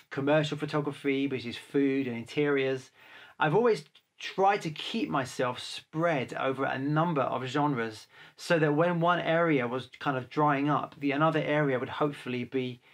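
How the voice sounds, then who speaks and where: A man's voice: medium pitch, vocal fry. Chatty man answering photography questions. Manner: chatty, relaxed, handles gear while talking. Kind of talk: casual Q&A to camera.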